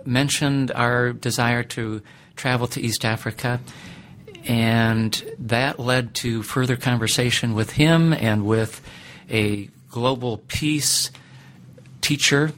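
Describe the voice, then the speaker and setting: A middle-aged man who teaches ethics, answering interview questions in a thoughtful, deliberate way with many pauses. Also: mid-range voice, steady tone, a bit bright, slight background noise.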